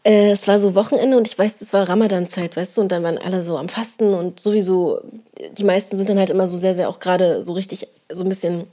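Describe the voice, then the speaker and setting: A woman's voice: medium pitch, fairly even intonation, fast, mellow. A young woman telling a long personal story in a casual podcast chat, rambling with lots of fillers and slang tags. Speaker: podcast co-host.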